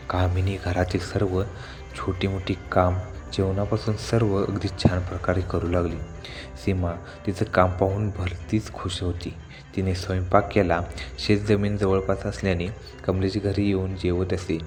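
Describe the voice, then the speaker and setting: A man narrating a scripted horror story in a steady, suspenseful manner. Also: sits low.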